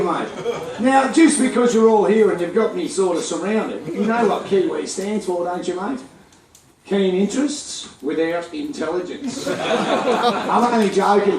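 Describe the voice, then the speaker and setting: A high-voiced Australian man cracks jokes and banters with a live crowd at a crocodile feeding show. He is heard from a distance, with an echoey ring around his voice. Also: moderate pace, noisy background. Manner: jokey, teasing banter with the audience. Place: outdoor crocodile farm show area.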